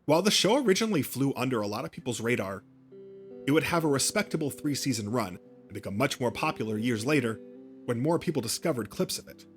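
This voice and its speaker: A man's voice: mid-range voice, lively intonation, fast, soft background music. A man narrating a history of a cartoon channel, reading a script with small slips and restarts. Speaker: YouTube narrator.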